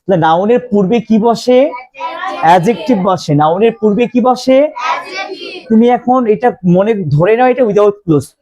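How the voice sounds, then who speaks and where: A man teaching English grammar to a classroom of students, slowly repeating questions for the class to answer. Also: sits high, muffled recording, crowd noise.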